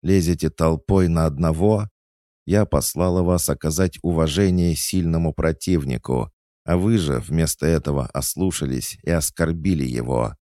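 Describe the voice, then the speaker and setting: A man's voice: rumbling low, a little slow, dry recording, studio quality. A man doing a tearful, indignant young noblewoman.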